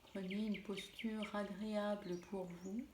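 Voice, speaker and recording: A woman leading a guided relaxation in a soothing, gentle, unhurried manner. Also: medium pitch, fairly even intonation. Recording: roomy echo, clear background noise, birdsong. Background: birdsong and nature ambience.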